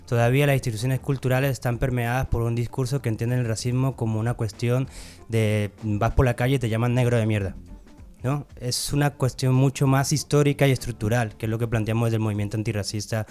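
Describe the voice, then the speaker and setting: A man, a guest on a radio interview, explaining his points in a measured way. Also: mid-range voice, darkish tone. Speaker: guest researcher.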